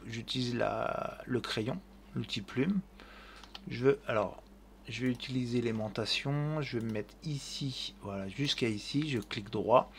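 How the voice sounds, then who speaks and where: A man hosting a screen-recorded software tutorial, thinking aloud and narrating each click with fillers, speaking into a desk mic at his computer. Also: medium pitch, a little hiss or hum.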